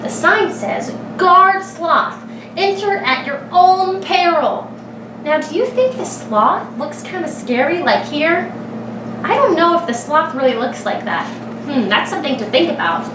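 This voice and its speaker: Her voice high and full of life, a woman reads a picture book to young children as a kindergarten teacher would, thinking aloud and pausing dramatically. The recording sounds roomy and echoing, picked up from a distant mic with clear background noise.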